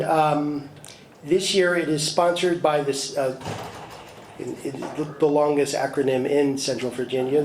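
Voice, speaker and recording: A man's voice: on the high side, a little mellow. Playful emcee man in an echoey hall. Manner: playful, self-mocking, halting restarts. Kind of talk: joking stage patter. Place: large event hall. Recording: echoey hall from far off, crowd noise.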